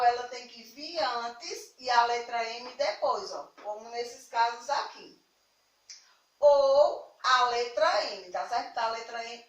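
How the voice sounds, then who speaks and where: Brazilian woman, primary teacher, warm and patient; a little away from the mic. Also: a little high, roomy sound, far from the mic, rough recording. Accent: Brazilian Portuguese. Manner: affectionate, slow and patient, stresses key words. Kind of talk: recorded remote class for young children.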